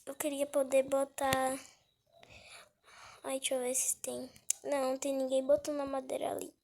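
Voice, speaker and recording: A gaming channel host with a cold chats casually over her gameplay, easily startled and often slipping into a whisper. Her voice sits high and monotone, with vocal fry, a slightly mellow quality and a moderate pace.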